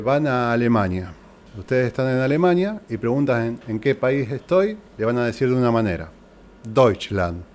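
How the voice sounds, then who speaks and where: A man's voice: medium pitch, a little mellow. A man with an Argentine accent preaching in a church, explaining things step by step and posing rhetorical questions to the congregation. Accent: Argentine Spanish. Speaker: pastor. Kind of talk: sermon teaching. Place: church hall.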